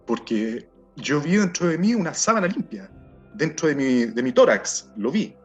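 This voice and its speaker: A middle-aged Chilean man telling his personal testimony in an earnest, halting way, often repeating words as he searches for them. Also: a little high, sing-song, breathy edge. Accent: Chilean Spanish. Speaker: testimony speaker. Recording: dull sound with faint music behind.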